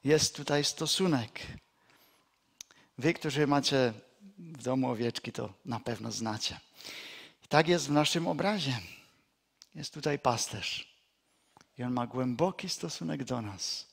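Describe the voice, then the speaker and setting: A pastor with a gravelly, husky voice preaches a sermon slowly and deliberately. He repeats key phrases, sinks to a quiet, low tone for emphasis and adds bits of folksy storytelling.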